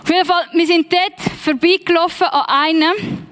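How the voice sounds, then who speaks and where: Swiss German woman, young, high voice, chatty sermon storyteller, mixes in English. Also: moderate pace. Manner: lively, personal, conversational storytelling with English phrases. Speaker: preacher.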